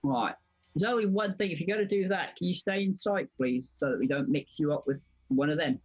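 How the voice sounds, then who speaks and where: A man's voice: fairly high pitch, a little fast, husky, dry recording. A man playing a tabletop game, casually describing his character's actions and asking questions. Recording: dull, lo-fi microphone sound.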